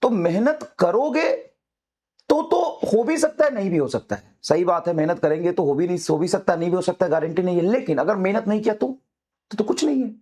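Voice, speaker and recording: High-pitched man, teacher, fiery motivational talk to students, hammers the same lines again and again. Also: animated, brisk, dark tone, slightly rough. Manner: fiery, repetitive exhortations.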